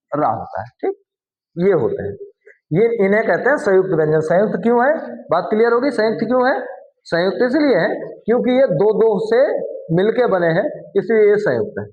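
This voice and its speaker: A male teacher with a high voice walks his students through the lesson step by step, often stopping to ask them questions. The sound is a little muffled and echoes off the walls of the room. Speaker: Hindi teacher. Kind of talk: classroom lesson.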